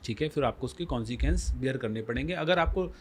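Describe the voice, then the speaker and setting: A man's voice: mid-range voice, animated, fast, slight background noise. A man as the guest life coach on a podcast, explaining emphatically with rhetorical questions and mixing Hindi with English phrases. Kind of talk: podcast conversation.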